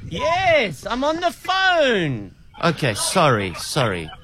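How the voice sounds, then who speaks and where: A man's voice: high voice, huge pitch swings, takes it slowly, sharp tone. An exasperated, apologetic man playing a harried dad on a prank phone call. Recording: faintly noisy phone call.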